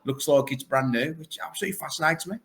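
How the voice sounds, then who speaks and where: Fast-talking enthusiastic man. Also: a little high, creaky, fairly bright tone. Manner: enthusiastic, rambling, full of superlatives. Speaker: arcade owner, guest. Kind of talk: casual interview chat.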